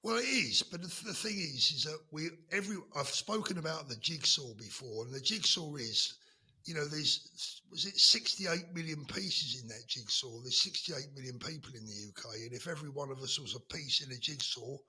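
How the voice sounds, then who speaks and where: A man speaks as a guest on a remote interview, his voice strikingly bright and forceful. There is a husky edge to it, and he drives each point home by repeating it. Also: a little high, expressive, normal speed. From United Kingdom. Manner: emphatic, repetitive, making his points firmly. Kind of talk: casual interview chat.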